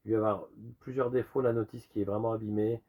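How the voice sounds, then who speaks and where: A man with a rusty, hoarse voice worn by a lingering cough, casually presenting a collection in an informal, rambling show-and-tell. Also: lowish voice, fairly even intonation, fast talker, narrow, tinny audio. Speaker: retro game collector presenting a sale.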